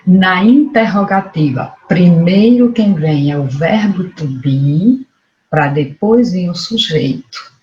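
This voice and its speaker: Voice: medium pitch, expressive, takes it slowly, a little mellow. A teacher with a Brazilian Portuguese accent gives a remote lesson, patiently repeating points and correcting themself as they go. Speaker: English teacher. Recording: echoey room, dull lo-fi sound, faint noise.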